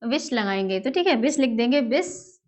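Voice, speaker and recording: A woman's voice: fairly high pitch, animated, normal speed. A woman teaching chemistry at a whiteboard, affectionately calling her students "beta", repeating key terms and answering her own questions. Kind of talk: whiteboard lesson, explaining step by step.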